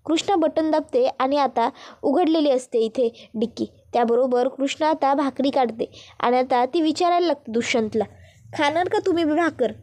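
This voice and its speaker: A woman narrating a serial episode recap as a lively story. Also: sits high, moderate pace.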